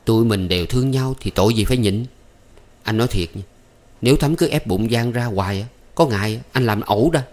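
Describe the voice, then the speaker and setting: A man's voice: lowish voice, brisk, darkish tone, lightly acted. A man reading a story aloud, voicing an eager, coaxing young master. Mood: insistent. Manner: coaxing, insistent, playful. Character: young rich man, eager, teasing suitor. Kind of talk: audiobook character voice.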